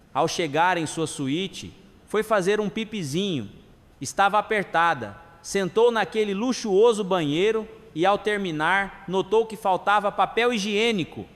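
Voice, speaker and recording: A man reading jokes and sayings aloud in an even delivery. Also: high voice. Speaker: joke teller. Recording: long hall reverb.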